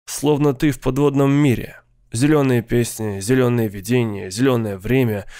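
A man's voice: mid-range voice, steady tone, moderate pace, mellow, no room sound, studio quality. A man narrating an audiobook, reading dramatically and acting out a character's frightened cries. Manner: acts out the character's cries with rising intensity.

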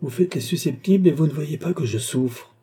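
A man's voice: dark tone, slightly rough. A man voicing a vain, imperious court countess, scolding and exclamatory, in an audiobook reading. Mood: complaining. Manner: exclamatory, scolding, fast and shrill.

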